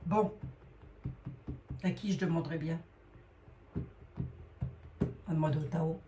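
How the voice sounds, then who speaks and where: A middle-aged woman with a Lorraine accent reads cards aloud, wandering and hesitant, tacking on little fillers as she goes. Her voice sits rather low. A faint hiss of background noise runs under the recording. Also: slow. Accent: Lorraine French. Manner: rambling, hesitant, full of fillers like hein. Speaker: psychic card reader. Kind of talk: live card reading.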